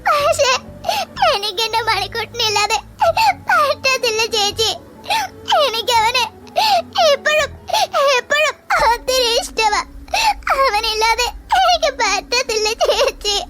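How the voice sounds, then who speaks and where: A woman's voice: extremely high pitch, measured pace, sharp tone, a little hiss or hum, full character voice. A voice actor playing a tearful young woman in a cartoon, crying and pleading over and over. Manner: pleading, sobbing, repeats "chechi". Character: tearful young woman begging for her ex back. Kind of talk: cartoon voice acting.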